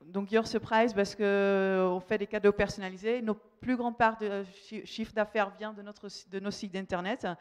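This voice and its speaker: A woman's voice: medium pitch, darkish tone, clean tone. A woman from the Netherlands with a Dutch accent, giving a conference presentation in a hesitant way, often repeating words mid-phrase. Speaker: company representative, conference speaker.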